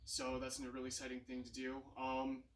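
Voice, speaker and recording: A young man in his twenties talks earnestly as an interview guest, his voice bright and a little tense. He sits away from the mic in an echoey room, with faint noise behind him. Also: medium pitch, monotone, brisk, far from the mic. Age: 20s. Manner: earnest, laughs easily, hesitant fillers. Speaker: interview guest, church volunteer. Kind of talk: casual interview chat.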